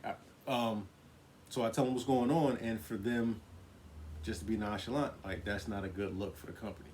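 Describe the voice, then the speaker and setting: A man's voice: lowish voice, darkish tone, a little hiss or hum. A man co-hosting a casual couple's chat, explaining tips step by step and often asking "right?". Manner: explanatory, keeps checking with "right?". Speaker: co-host of a couple's channel.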